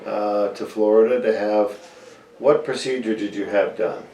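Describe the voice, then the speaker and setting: Speaking directly to the audience, a male surgeon walks through procedures in plain language while interviewing his patient. His voice is low and warm at a measured pace, recorded from a distant mic in a reverberant room.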